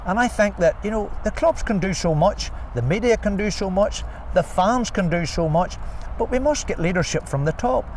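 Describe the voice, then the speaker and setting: An older man with a Northern Irish accent talks sport in a fairly high voice. He is emphatic and persuasive, repeating his points, with light outdoor traffic noise around him. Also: lively intonation, normal speed. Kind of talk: unscripted sports interview.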